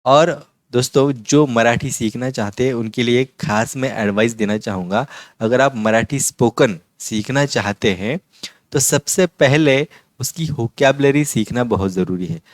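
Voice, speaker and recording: A man teaching a vocabulary lesson, patiently repeating each word slowly. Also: mid-range voice, no echo. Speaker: language teacher.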